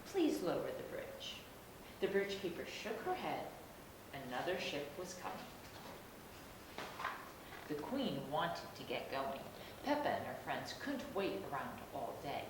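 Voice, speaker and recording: A woman reading a storybook aloud in an expressive, animated way, as if to a toddler. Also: unhurried, pauses often. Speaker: storybook reader. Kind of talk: animated read-aloud to young children. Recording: echoey room, distant mic, noisy rumble.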